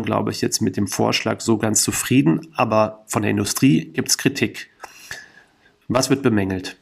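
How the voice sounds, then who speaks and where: A man's voice: medium pitch, gravelly. A man hosting a conversation, summing up the background before putting questions to his guest. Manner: sums up background, then poses questions. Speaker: host asking questions. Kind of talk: conversational interview.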